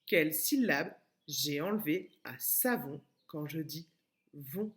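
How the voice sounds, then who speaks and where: A woman with a French accent giving a remote phonics lesson to young children, with careful, clearly split syllables and patient explanations. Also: low-pitched, expressive, measured pace, a bit bright. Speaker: kindergarten teacher.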